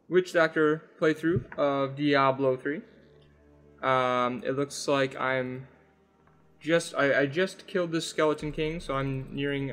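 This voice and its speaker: A young man with a sick, croaky voice, hosting casual gameplay commentary and rambling with lots of ums and uhs. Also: on the high side, a bit bright. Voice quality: rough, croaky voice. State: sick, under the weather. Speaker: gaming channel host.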